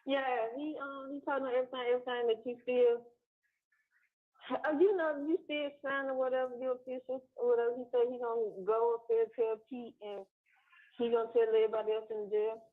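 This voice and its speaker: A woman chatting fast and slangy on a recorded payphone call from jail. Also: a little high, fairly even intonation, phone-quality sound. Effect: payphone call line. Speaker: caller on a jail phone call. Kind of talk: casual phone chat.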